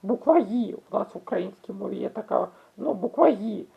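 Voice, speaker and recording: A woman explaining word usage in a casual video, halting often with restarts and drawn-out fillers. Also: mid-range voice, lively intonation, gravelly, slightly rough. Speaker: language explainer. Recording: tinny phone-like audio.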